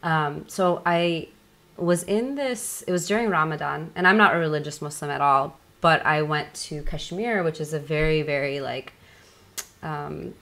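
A woman in her thirties talks as a guest author in a relaxed interview. Her voice sits low but has a bright, forward edge. She rambles casually, leaning on fillers and laughing often. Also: normal speed, creaky.

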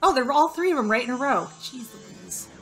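A woman's voice: sits high, very animated, normal speed. Chatty woman narrating a hidden-object game. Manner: chatty, self-deprecating, thinks aloud while searching. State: voice fading, slightly hoarse. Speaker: gaming video host. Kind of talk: casual gameplay commentary. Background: faint game music.

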